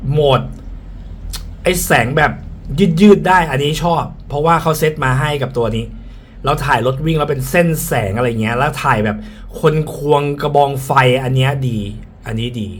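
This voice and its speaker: A man's voice: a little high, moderate pace. A man speaking through a face mask, slightly muffled, giving a frank, casual product review and often repeating his points. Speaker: tech reviewer. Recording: clear background ambient noise.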